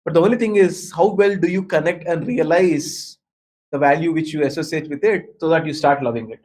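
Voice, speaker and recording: A man with an Indian accent and a fairly high, slightly mellow voice speaks fairly quickly as a workshop speaker and design mentor. He gives an explanatory talk answering questions, being emphatic and repetitive and often checking in with his listeners.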